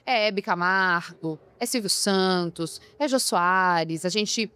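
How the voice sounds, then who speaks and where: A communication coach speaks slowly in a lowish, bright voice with a forceful tone during a podcast interview. She teaches people public speaking, and here she talks emphatically and asks many rhetorical questions.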